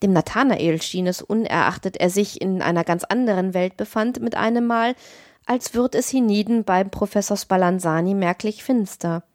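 A woman narrating a classic tale as an audiobook reader, in a measured, expressive reading. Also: mid-range voice, no room sound, clean studio sound.

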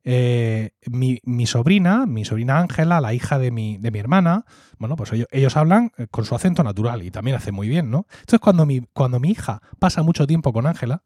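Murcian man, warm mellow voice. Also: mid-range voice, expressive, brisk, dry recording, clean studio sound. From Murcia, Spain. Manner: reflective, fond storytelling with frequent "¿no?" tags. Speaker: podcast co-host. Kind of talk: casual conversation.

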